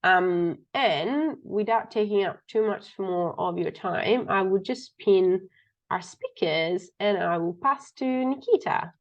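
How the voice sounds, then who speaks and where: A woman with a slightly muffled, sick-sounding voice, informally and somewhat haltingly introducing an online event as its host. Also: mid-range voice. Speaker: webinar host. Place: online video webinar. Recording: dull, muffled online call audio.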